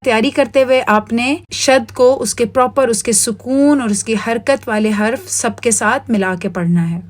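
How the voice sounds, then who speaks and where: A woman with a Pakistani Urdu accent teaching recitation rules over slides, patient and explanatory, slipping English words into her sentences. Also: on the high side. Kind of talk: recorded online lesson over slides.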